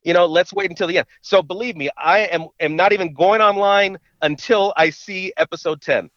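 A man with a high-sitting, somewhat bright voice talks a little fast as a podcast co-host on a phone call, with no room sound. He chats casually but stammers, repeating his opening words, and the line is dull and muffled.

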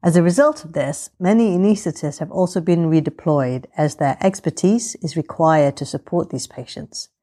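A woman with a low-pitched voice narrates as a surgeon on a vlog. Her delivery is measured and orderly, with a fairly formal, explanatory style. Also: warm tone. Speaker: breast surgeon and vlogger.

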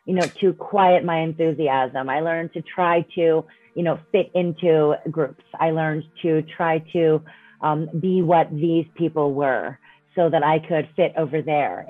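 A woman's voice: low voice, dry recording. A woman in her fifties, a coach and speaker, talking as an interview guest in a chatty, upbeat way, often tagging her sentences with "right?" and "you know". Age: 50s. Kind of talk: casual interview talk. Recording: dry, tinny phone-like line.

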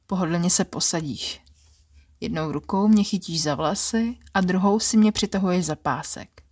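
A woman narrating an erotic story in the first person, quiet and intimate, with a husky voice. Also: on the low side, dry recording, studio quality. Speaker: podcast narrator.

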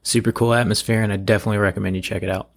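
A man with a hoarse, gravelly voice talks casually as a solo podcast host, rambling loosely in a self-deprecating way. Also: fairly low pitch, little pitch movement, very fast. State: hoarse from allergies. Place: at home, in a room below a bathroom.

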